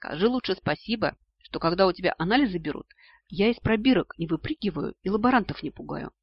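A man's voice: high voice, expressive, fast, slightly rough, dry recording, full character voice. A man voicing a rude, cheeky talking blood that taunts its owner in a mocking tone, on a dull lo-fi recording. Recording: dull lo-fi audio.

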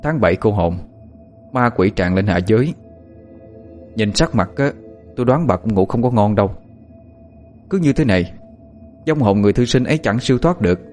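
A man playing a cold, cunning young man who stays calm. His low voice turns firm and commanding. He is a figure from a horror audiobook. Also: normal speed, pauses often, faint music behind, lightly acted.

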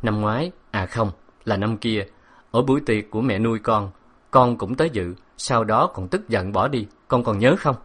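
A man's voice: lowish voice, moderate pace, a bit bright, breathy edge. A man voicing a hurt, stern middle-aged father. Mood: grave.

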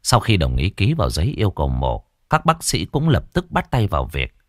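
A male storyteller narrates a horror tale with drama and expression. His pitch rises and falls vividly, and the recording is close and dry. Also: wildly swooping pitch, a little fast, no echo.

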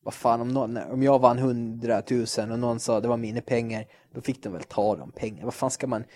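A man's voice: mid-range voice, darkish tone. A man co-hosting a podcast, ranting and swearing in casual chat, acting out quoted lines. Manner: swears a lot, rants animatedly, acts out quotes. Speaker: podcast co-host.

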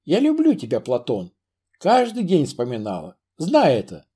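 A man's voice: on the high side, huge pitch swings, moderate pace, warm tone, husky, heavily acted. A man voicing a chattering, jealous young lady-in-waiting. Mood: tender. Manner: coaxing, chattering. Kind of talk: audiobook character reading.

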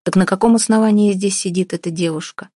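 A woman's voice: medium pitch, fairly even intonation, fast, warm tone, no echo, studio quality, close to an everyday voice. A woman reading an audiobook, voicing a stern, officious man who runs a shopping mall. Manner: officious, prosecutorial, curt. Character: stern, pedantic male mall director.

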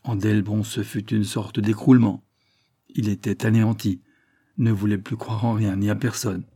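Man, audiobook narrator, measured, mellow tone, husky. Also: on the low side, flat delivery, no room sound, studio quality. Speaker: audiobook reader. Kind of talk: narrating a 1920s novel.

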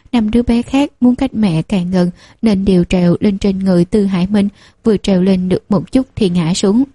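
A woman reading a novel aloud in steady, even audiobook narration. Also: medium pitch, breathy edge, dry recording, studio quality.

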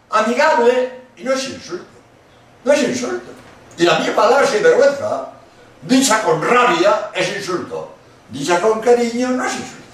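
Lively Spanish man preaching in an echoey hall. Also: high voice, distant mic. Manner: emphatic, with dramatic pauses and acted-out quotes. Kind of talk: sermon-style lecture.

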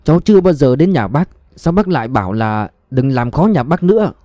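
A man's voice: mid-range voice, very animated, fairly quick, mellow, dry recording, studio quality, natural voice. A man doing a blunt, hot-tempered police chief. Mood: firm, questioning. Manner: blunt, angry.

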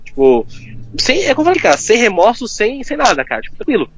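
Fast-talking man, higher voice. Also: wildly swooping pitch, lo-fi sound, a little hiss or hum. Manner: fast, informal, full of fillers like "cara". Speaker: guest. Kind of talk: candid personal conversation.

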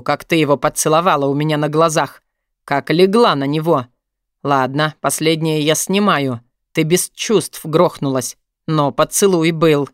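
A woman voicing a gruff, possessive young man who talks in a low, husky murmur in an audiobook. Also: no echo, studio quality. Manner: pressing, intense, murmured. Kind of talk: audiobook narration.

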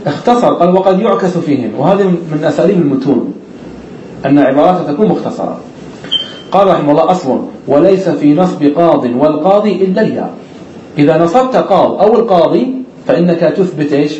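A man's voice: a little high, expressive, fast, warm tone, echoey room, dull audio, slight background noise. A man teaching an Arabic grammar class, who explains step by step, asks the students questions and repeats the key words.

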